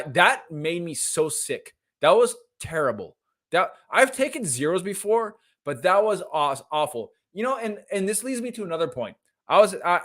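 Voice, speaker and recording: A young man co-hosting a fantasy football podcast over a remote call, talking in an animated, ranting way that bursts into loud shouts. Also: on the high side. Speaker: podcast co-host. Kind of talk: casual fantasy football chat.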